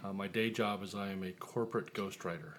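An American man appears as an author guest, a humor writer and ghostwriter, in a casual interview chat. His low, steady voice moves fairly quickly as he explains things conversationally.

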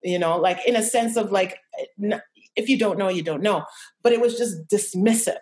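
A young adult woman telling a personal story as a podcast guest, reflective and halting, with many restarts. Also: mid-range voice, darkish tone. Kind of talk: candid personal interview.

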